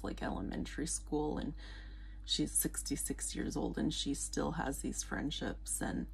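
A woman talking quietly in a casual late-night vlog, rambling with frequent fillers and laughter. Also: sits low, gravelly, a little hiss or hum. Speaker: vlogger.

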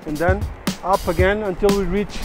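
A man's voice: high-pitched, fairly even intonation. Earnest mountain guide, man. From Madeira, Portugal. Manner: earnest, pauses and restarts while explaining, non-native phrasing. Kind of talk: casual outdoor explanation. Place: outdoors on a mountain trail. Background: guitar music.

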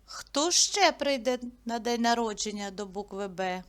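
A woman teaching a literacy lesson who asks simple questions and answers them herself, stretching words slowly and clearly. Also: mid-range voice, lively intonation, fairly bright tone. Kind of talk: slow, clear classroom lesson narration.

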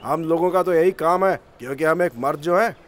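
A man's voice: on the high side, fairly quick, natural voice. A man dubbing a brash, boastful young goon. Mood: bullying. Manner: brash bullying bravado. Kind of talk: Hindi film dubbing.

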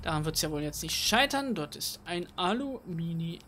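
A let's play host comments casually on her own game at home at night, using a desk mic that picks up a little hiss or hum. Her fairly low, fairly bright voice is animated at a moderate pace, and she thinks aloud with many fillers, chatty and poking fun at herself.

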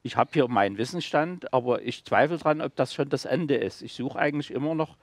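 Gravelly guy explaining local politics on a talk show, lots of uh's and restarts. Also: mid-range voice, fairly quick, no room sound. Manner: hesitant, many fillers and restarts, explanatory. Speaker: local councillor guest. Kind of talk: casual talk-show conversation.

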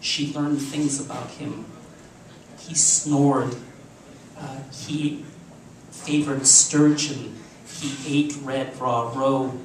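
A man reads a literary story aloud at a live cafe show, taking it at a very slow, measured pace with the odd stumble. His voice comes from a distance off the mic, carried by a roomy echo with faint background ambience behind it. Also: mid-range voice, steady tone, slight background noise. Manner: measured, deliberate reading with occasional slips. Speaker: reader.

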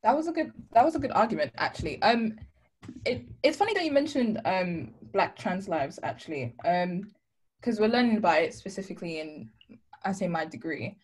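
A woman's voice: mid-range voice, sing-song, moderate pace, breathy edge. A young woman student asking a hesitant, roundabout question in an online debate over a video call. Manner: hesitant, restarts often, many ums.

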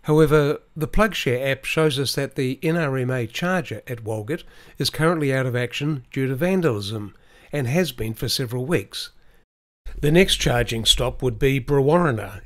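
In this scripted narration, a vlogger, a middle-aged man, calmly explains how he plans a trip. He speaks in a mid-range voice, keeping a measured, explanatory manner.

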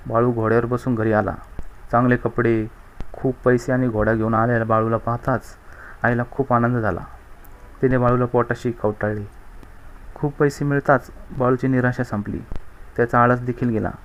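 A man reads a children's textbook story aloud, measured and clear. His voice sits at an ordinary middle pitch. The recording has a dull, slightly muffled lo-fi quality.

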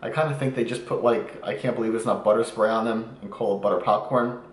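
A fitness vlogger in his twenties eats on camera at home and shares diet tips in a casual, upbeat food vlog, starting in a small room before moving to his kitchen. His voice is lowish and fast, with a reverberant sound.

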